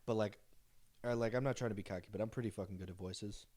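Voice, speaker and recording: Excitable, swearing young man, lowish voice. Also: fast. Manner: excitable, swears freely, boastful. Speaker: podcast co-host and dungeon master. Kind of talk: casual chat.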